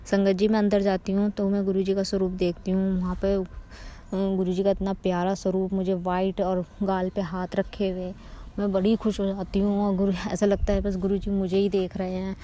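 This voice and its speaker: A woman in her thirties shares a devotional testimony with a congregation. She speaks earnestly, turning to her listeners again and again. Her pitch stays flat and level, and her voice sits at an ordinary height. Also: normal speed. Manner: earnest storytelling, often addressing listeners as "sangat ji". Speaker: devotee sharing a personal testimony.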